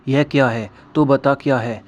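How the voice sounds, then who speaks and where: A man's voice: mid-range voice, fairly even intonation, moderate pace, dull audio, close to an everyday voice. A man narrating a story voices an anxious, caring elderly mother-in-law in a motherly, pleading manner. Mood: worried.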